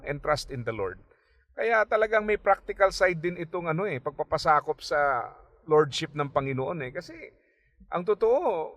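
In a radio studio, a Filipino man hosts a Bible talk on the radio in a mid-range voice with no room sound. He keeps it conversational, mixes in English phrases, and often uses tag questions. He becomes animated when retelling stories.

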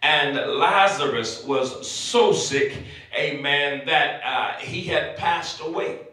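A man's voice: a little high, slow pace, pushed and bright, faint music behind. A man preaching a sermon at a pulpit microphone, dropping frequent amens between phrases. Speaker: bishop preaching. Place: church sanctuary. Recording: echoey church sanctuary, mic at a distance.

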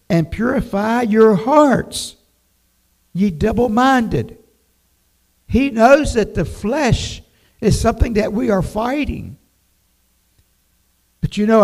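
An older man preaching a devotional sermon from a church pulpit, slow and emphatic, reading scripture aloud. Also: high-pitched, darkish tone. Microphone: pulpit microphone, far camera.

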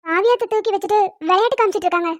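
A woman's voice: extremely high pitch, dry recording, studio quality. A woman voicing a young cartoon wife who orders her husband around but cares for the family. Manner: scolding, quick commands. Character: bossy young wife, sharp-tongued and caring. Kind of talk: Tamil cartoon dubbing.

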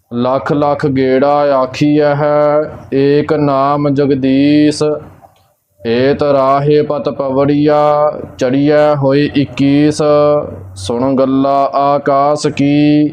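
A man teaching Punjabi scripture recitation, chanting each line slowly and then explaining where to pause and how to pronounce words. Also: on the high side, smooth, dull audio.

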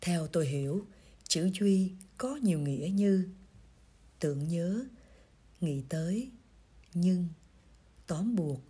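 A woman reads a pastoral reflection with a very breathy, husky voice that sits a little low. Her delivery is gentle and measured, like telling a story. The tone is dark and mellow. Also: animated. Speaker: reader of a priest's pastoral letter. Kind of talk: scripted reading of a pastoral reflection.

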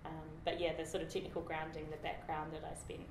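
A young New Zealand woman with a New Zealand accent is interviewed as a project engineer guest, speaking fast in a low, gravelly voice. She chats casually with frequent fillers and restarts in an office meeting room with large windows, where the roomy space has steady background noise.

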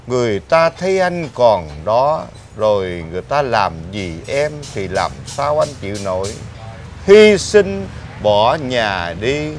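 A blind, self-pitying ex-husband, pleading in slow, drawn-out sentences. His voice sits at an ordinary pitch, unhurried. Faint street sounds run behind him. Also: a little hiss or hum. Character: blind middle-aged man, self-pitying, talkative. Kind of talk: TV drama acting.

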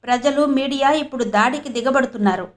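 A woman's voice: high-pitched, a little fast, lightly acted. A woman voicing a caring, cautious woman doctor in a story, speaking with urgent concern. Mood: worried.

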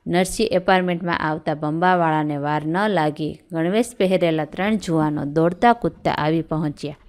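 A woman teacher with a Gujarati accent reads aloud to schoolchildren in a low, steady voice. She moves through the story and then works through each question and answer in a clear, measured way. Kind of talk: reading a story aloud and going through a textbook exercise.

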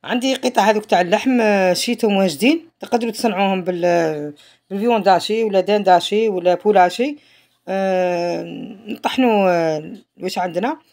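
A woman's voice: mid-range voice, a little fast, darkish tone. A woman with an Algerian Arabic accent, narrating a home cooking tutorial in a chatty way, often trailing off mid-phrase. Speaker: home cook.

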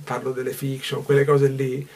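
In a small dressing room, a stage actor in his fifties gives a backstage interview, speaking thoughtfully, gesturing a lot, and often restarting mid-phrase. His voice is medium-pitched, monotone, and a little mellow at normal speed.

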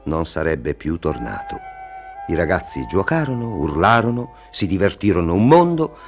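A man narrating a fairy tale for children, expressive and talking to them directly. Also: low-pitched. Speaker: storyteller.

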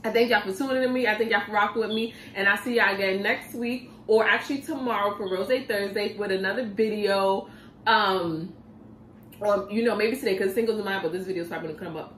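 This mukbang vlogger, a woman with a medium-pitched, fairly bright voice, chats in slang while eating at home, talking between bites. She sounds laid-back, and the recording is echoey and distant with slight background noise.

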